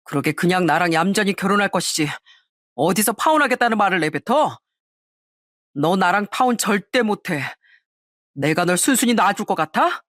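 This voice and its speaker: A woman voicing a bullying, hot-tempered young male ex-fiancé who sneers and shouts threats, in an audio drama. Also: medium pitch, animated, normal speed, dry recording, clean studio sound. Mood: angry.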